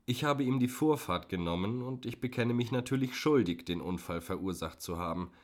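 A man reading an audiobook, voicing a composed, sharp-witted female prosecutor who speaks precisely and with irony. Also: mid-range voice, animated, moderate pace, voice pushed up, natural voice. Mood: accusing. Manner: precise, ironic.

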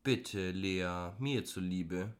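A man's voice: big pitch swings, measured pace, a bit bright, full character voice. A male audiobook reader voicing a rich, naive and pushy woman, raising his voice to sound bossy and wheedling. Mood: pleading. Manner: bossy, wheedling, high put-on voice. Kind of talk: audiobook dialogue.

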